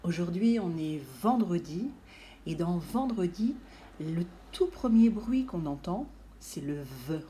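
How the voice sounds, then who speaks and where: A woman teacher giving a lesson to young children, slowly drawing out and exaggerating each letter sound. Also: on the low side, expressive, dark tone, a little hiss or hum.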